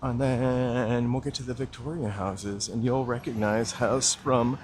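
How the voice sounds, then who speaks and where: Strolling outdoors through the city, a live-stream vlogger talks to his audience in an unhurried, mid-range voice with fairly even intonation, calling out viewers by name and showing them sights. His handheld gimbal camera mic adds a little hiss or hum.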